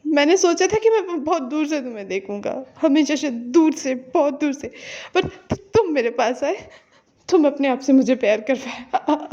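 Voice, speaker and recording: A woman's voice: fairly high pitch, dark tone, natural voice. A woman voicing a heartbroken young man who begs through tears and stammers. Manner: begging, stammering. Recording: dull lo-fi recording.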